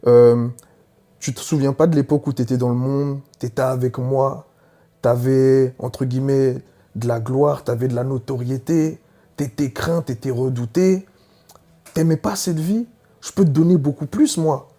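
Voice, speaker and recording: A man voicing a giant, hateful male tempter who taunts quietly and with contempt. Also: medium pitch, fairly even intonation, unhurried, natural voice. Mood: taunting.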